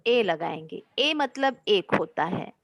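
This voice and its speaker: A woman teaching children English grammar online, explaining slowly and patiently, mixing Hindi and English, with encouraging words. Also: mid-range voice, animated, gravelly, no room sound, poor audio.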